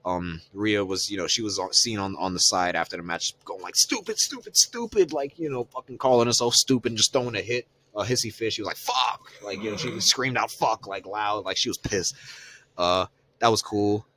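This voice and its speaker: Deep-voiced man recapping wrestling casually. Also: fairly even intonation, fairly quick, pushed and bright. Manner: loose and profane, lots of fillers. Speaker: podcast co-host.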